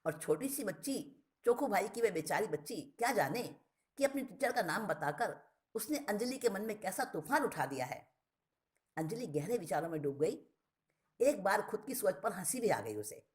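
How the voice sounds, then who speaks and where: A woman reading a short story aloud, expressive and often restating a word with a plainer synonym. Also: medium pitch, moderate pace.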